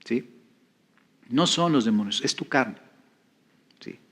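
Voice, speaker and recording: A man's voice: mid-range voice, lively intonation, takes it slowly, a bit bright. A man preaching in a teaching style, conversational and repeating key phrases for emphasis. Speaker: pastor teaching a class. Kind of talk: sermon teaching.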